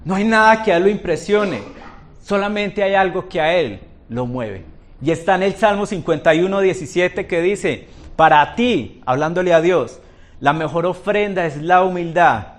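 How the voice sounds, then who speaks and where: A man's voice: high-pitched, expressive, moderate pace. A male pastor preaching a sermon in a church, asking the congregation rhetorical questions.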